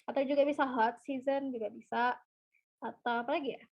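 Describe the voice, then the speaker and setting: A woman teaching an English lesson in a webinar, explaining in casual speech and reading example sentences slowly. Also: high voice, steady tone. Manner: mixes English into explanations, slow model sentences. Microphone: video call. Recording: slightly dull webinar audio.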